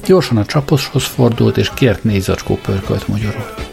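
Gravelly low-voiced male audiobook narrator. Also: music in the background.

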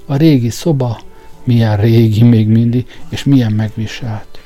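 A man reading a weary grown son returning home in a storybook, murmuring his lines half to himself, in a dark voice. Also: medium pitch, steady tone, faint music behind, lightly acted. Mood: wistful. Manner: whispering to himself.

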